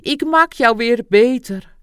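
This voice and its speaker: A woman's voice: on the high side, animated, slow pace, fairly bright tone, clean tone, no echo, studio quality. A woman voicing an old male doll doctor, tearful and trembling, with an odd foreign-sounding accent and sighing exclamations. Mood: emotional, tearful.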